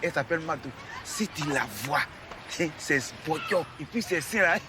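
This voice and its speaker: An actor with an Ivorian French accent playing a boastful, forgetful retired husband in his later years, teasing and loud in a sitcom. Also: on the high side, expressive, a little slow, noisy background. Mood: chatty. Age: older. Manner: boisterous, teasing, loud exclamations. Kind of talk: sitcom acting.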